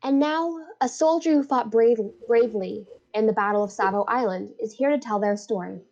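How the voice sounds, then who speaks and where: A woman's voice: a little high, moderate pace, darkish tone, close to an everyday voice. A woman playing a gracious, polite 1940s wartime radio hostess doing scripted interviews, with slightly dull sound.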